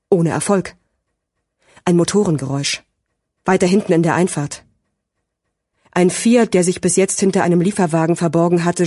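Husky woman narrating a crime audiobook. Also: lowish voice, darkish tone, dry recording, studio quality.

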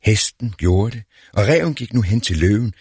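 A man with a very deep, slightly husky voice reads a fairy tale aloud. He tells it slowly and deliberately. The sound is close and dry. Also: lively intonation, darkish tone, no room sound. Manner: slow, deliberate storytelling. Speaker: narrator.

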